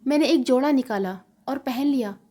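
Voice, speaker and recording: A woman narrating an emotional first-person story in a steady, emotional reading voice. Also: high-pitched, normal speed.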